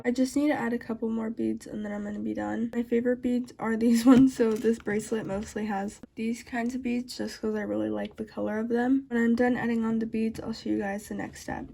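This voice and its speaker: A woman's voice: a little high, flat delivery, fairly quick, vocal fry, hardly any pauses, warm tone, slight background noise. A woman hosting a casual craft tutorial, chatting straight to her viewers, her speech slightly altered by the retainers she is wearing. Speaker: DIY craft vlogger.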